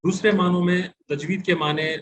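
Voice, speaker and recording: A man from India teaching Quran recitation in a religious lecture. He says single letters slowly and carefully and pauses to think. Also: high-pitched, steady tone, noisy background.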